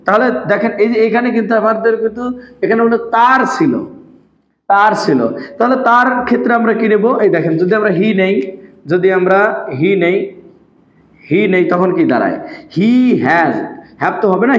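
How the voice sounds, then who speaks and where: Male teacher, high voice, drills points with repeated questions; roomy, muffled lo-fi recording. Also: fairly bright tone. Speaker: English teacher. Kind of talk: spoken-language lesson. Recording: echoey room, dull lo-fi sound.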